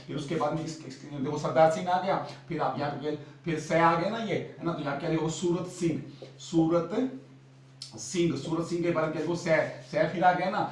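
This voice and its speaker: A young man teaching a fast exam-prep lesson, asking questions and answering them himself, urging his students on like an older brother. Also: on the high side, fairly even intonation, slight background noise. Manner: drills with repeated questions and answers; urging, brotherly pep talk. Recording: echoey room, distant mic.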